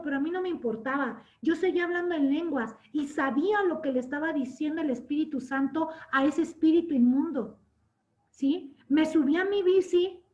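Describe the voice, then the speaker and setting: A woman teaching a church Bible class. She keeps checking in with her listeners and tells stories with lively acted-out quotes. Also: sits high. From Latin America. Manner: asks "¿sí?" to check understanding. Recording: dull lo-fi sound.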